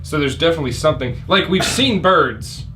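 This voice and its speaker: A man's voice: a little high, lively intonation, a little fast, sharp tone, soft background music. Rambling man in a casual chat. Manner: rambling, laughs often, trails off and restarts. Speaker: podcast co-host.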